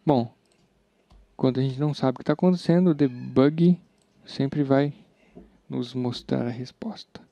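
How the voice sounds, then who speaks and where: Gravelly dark-voiced Brazilian coding teacher. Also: male voice, mid-range voice, unhurried, pauses often, no room sound. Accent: Brazilian Portuguese. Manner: chatty, informal, thinks aloud with slang. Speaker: programming instructor. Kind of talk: casual screen-recorded coding tutorial. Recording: dull, slightly lo-fi sound.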